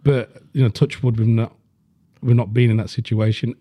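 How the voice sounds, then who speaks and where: A man's voice: medium pitch, flat delivery, moderate pace, dark tone, no room sound. A man, chatting bluntly on a podcast and swearing freely. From Leicester, England. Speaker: podcast host. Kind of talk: casual chat.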